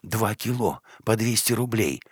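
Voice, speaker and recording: A man's voice: lowish voice, animated, a little slow, breathy edge, dry recording, studio quality, pitched above the performer's own voice. A man voicing a confused, defensive middle-aged working man in an audiobook story. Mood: bewildered.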